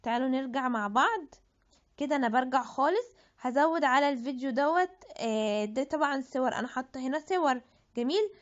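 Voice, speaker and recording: A woman's voice: high-pitched, expressive, fairly quick. A woman with an Egyptian Arabic accent giving a chatty app tutorial, thinking aloud and restarting her words. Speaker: tutorial presenter. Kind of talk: screen-recorded app tutorial. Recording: dull lo-fi audio.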